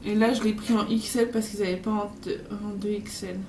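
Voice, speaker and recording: A woman in her twenties rambles through a casual travel vlog in her hotel room, heavy on fillers and restarts. Her mid-range, darkish voice is flat and a little fast, and the audio is roomy, distant and noisy.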